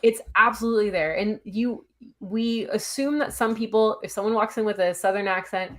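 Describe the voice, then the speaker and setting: A woman's voice: medium pitch, steady tone, normal speed. A woman from California co-hosting a podcast, speaking in a frank, emphatic, conversational way. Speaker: podcast co-host. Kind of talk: casual conversation.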